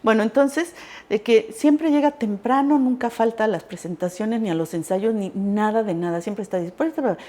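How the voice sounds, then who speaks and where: Woman, casual storytelling, animated, acts out voices. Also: fairly high pitch, moderate pace. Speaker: recipe vlogger.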